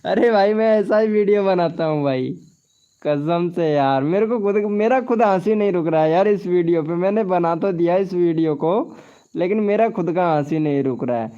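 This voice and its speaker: A man's voice: sits high, moderate pace, dark tone, clear, resonant tone. A man hosting a casual live stream, chatting and joking with viewers, often laughing and swearing by oath. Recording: dull lo-fi stream audio.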